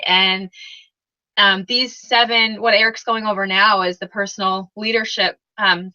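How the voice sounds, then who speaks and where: A woman's voice: medium pitch, sharp tone, no echo, muffled recording. A woman co-hosting a personal development hangout, chatty and upbeat, laughing often. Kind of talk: casual chat.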